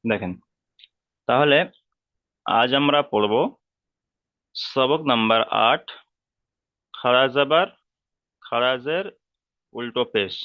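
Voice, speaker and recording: A man with a Bengali accent teaching a slow, step-by-step reading lesson, patiently repeating each term and drawing out each sound. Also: mid-range voice, no room sound, phone-quality sound.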